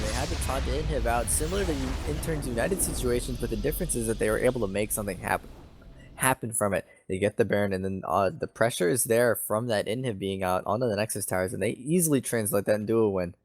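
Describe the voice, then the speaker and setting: A man giving color commentary on an esports match, breaking down plays and tripping over his words when things get exciting. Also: on the low side, fast, slight background noise. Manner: analytical, stumbles and restarts when excited. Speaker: esports caster. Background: game music.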